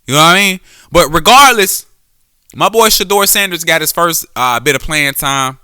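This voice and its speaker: Man, podcast host, high lively voice, very bright and sharp, loose profane rambling. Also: moderate pace, clean tone, no echo, studio quality. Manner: animated, profane, frequent restarts and self-corrections. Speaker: former quarterback. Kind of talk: casual solo podcast monologue.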